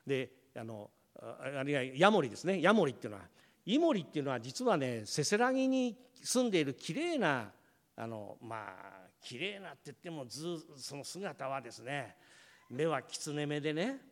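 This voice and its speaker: A man's voice: a little high, big pitch swings, moderate pace. A man preaching a sermon as pastor, telling a family story and acting out the voices of his family before addressing the congregation directly. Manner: storytelling, acts out family members' words. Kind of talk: sermon with personal anecdote.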